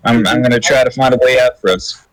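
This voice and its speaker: A scheming male prisoner, played by a man, talks in a hushed, conspiratorial way. His tone is bright. It is tabletop role-play. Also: medium pitch, fairly even intonation, fast talker, no room sound, lightly acted, rough recording. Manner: whispering conspiratorially.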